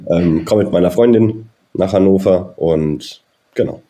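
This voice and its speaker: A golf coach in his thirties from Nuremberg, Germany, answers interview questions about his career and personal background. His very low, mellow voice rambles in a friendly way, full of fillers and pauses.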